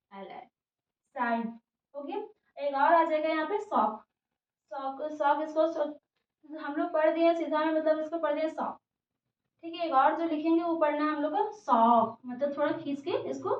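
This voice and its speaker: A woman teaches spelling and pronunciation, breaking words apart letter by letter and pausing to ask "okay?" between steps. Her voice is high. It sounds muffled and roomy, picked up from some distance away. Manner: spells words out letter by letter, repeats "theek hai" often. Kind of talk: English spelling and pronunciation lesson. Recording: muffled, echoey room, voice from a distance.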